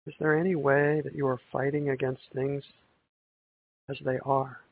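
A man guiding a breathing meditation in a calm, gentle, meditative tone, on a thin band-limited recording. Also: mid-range voice, moderate pace. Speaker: meditation guide. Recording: tinny band-limited audio with hiss.

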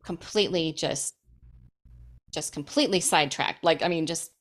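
A woman's voice: low voice, normal speed, a bit bright. A woman in her thirties sharing a personal testimony in casual chat, emotional, laughing often and filling with "like". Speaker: guest.

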